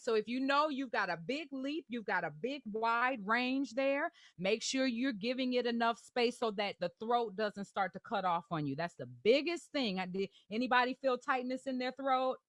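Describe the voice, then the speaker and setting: A woman's voice: fairly high pitch, moderate pace, fairly bright tone, no room sound. A woman teaching a live online singing masterclass, explaining exercises in an encouraging, chatty way and singing demonstrations. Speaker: vocal coach.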